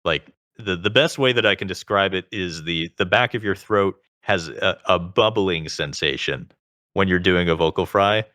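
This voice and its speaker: A man's voice: sits low, moderate pace, pushed and bright, dry recording. A male guest in a casual interview, talkative and explaining things at length with plenty of filler words.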